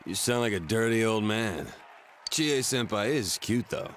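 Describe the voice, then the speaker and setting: An actor playing a gruff, bashful young man in a video game, with a halting, awkward manner. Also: on the low side, expressive, fairly bright tone. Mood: blunt, awed.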